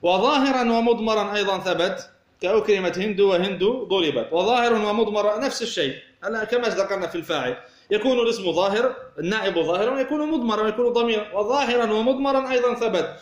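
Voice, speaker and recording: This Tunisian man's voice sits high as he walks through a grammar lesson in a room full of echo. Along the way he asks questions he doesn't expect answered, says words more than once, and draws out his examples slowly.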